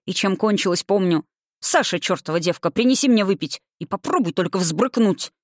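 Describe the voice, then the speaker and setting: The reader voicing a hot-tempered cossack father in an audiobook, grim, slow and heavy. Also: mid-range voice, animated, dry recording, studio quality, natural voice.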